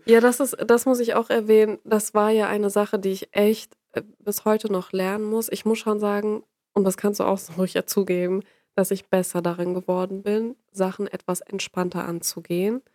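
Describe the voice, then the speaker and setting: A woman's voice: mid-range voice, flat delivery, moderate pace, a little mellow, dry recording. A German woman chatting casually, emphatic and insistent as she makes her point at length. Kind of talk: casual chat.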